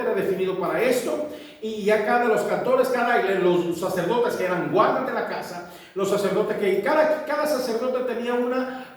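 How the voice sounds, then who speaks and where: Casting: man, preaching; a high voice, picked up from a distance. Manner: acts out quoted church members in little voices. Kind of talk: sermon. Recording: echoey room, voice from a distance.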